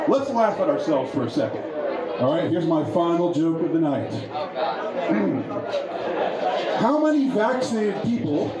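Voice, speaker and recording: A man doing a stand-up set in a bar, talking in a halting, rambling way with many restarts. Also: fairly high pitch. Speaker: stand-up comedian. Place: bar with a pool hall. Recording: echoey bar with crowd behind.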